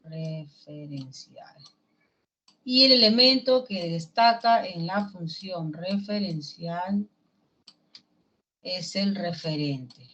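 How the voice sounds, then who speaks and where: Peruvian lady teacher, slow and patient, quizzing the class, kinda dull lo-fi sound. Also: on the low side, a bit bright. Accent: Peruvian Spanish. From Peru. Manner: slow, explains step by step with questions to the class. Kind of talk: language class lecture.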